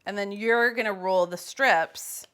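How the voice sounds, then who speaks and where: A woman's voice: mid-range voice, unhurried, a bit bright, smooth. A woman hosting a casual cooking demonstration in a kitchen, chatty and playful, with loose, offhand phrasing. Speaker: cooking host. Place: home kitchen.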